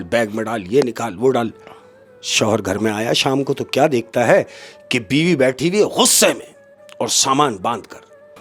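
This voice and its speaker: A man telling a comic story as a podcast guest, in an expressive way and often turning to the host. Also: medium pitch.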